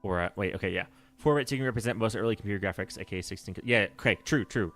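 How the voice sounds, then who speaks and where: A man talks rapid-fire in a lowish, slightly bright voice while playing on a livestream, with soft music in the background. His chatter is nerdy and rambling, full of self-corrections and laughter.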